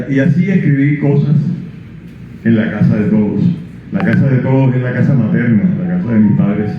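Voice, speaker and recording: This older author from Colombia launches his book by reading the prologue before fielding questions. He speaks at mid pitch, halting and full of restarts and fillers once off-script. The sound is very echoey and thin, phone-like and lo-fi, with faint hiss.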